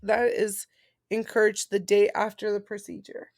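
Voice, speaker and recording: A woman's voice: mid-range voice, level tone, moderate pace, creaky, darkish tone, dry recording, clean studio sound. A woman chatting casually and informally as she explains things step by step. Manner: informal, explanatory, reading out points then paraphrasing. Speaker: vlogger and post-surgery patient. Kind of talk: casual chat about recovery.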